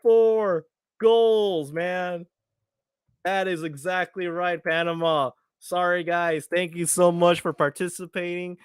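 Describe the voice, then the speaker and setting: A man hosting a live soccer watchalong for his viewers, talking excitedly and slipping into when emotional. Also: sits high, slow pace, clear, resonant tone, no echo, studio quality. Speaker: watchalong host. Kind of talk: live match commentary to viewers.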